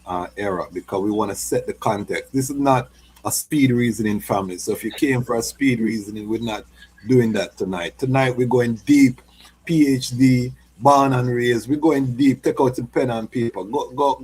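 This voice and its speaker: A man's voice: lowish voice, slightly rough. Man hosting a live talk show. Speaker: podcast host.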